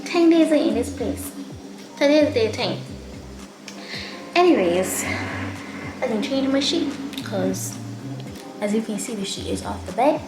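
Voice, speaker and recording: Brief: young Barbadian woman, video diary, slow and tired delivery, sighing, faint music underneath. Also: a little high, lively intonation. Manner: weary, downcast and frustrated, with sighs. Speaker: vlogger. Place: quarantine room, indoors. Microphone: self-filmed camera up close.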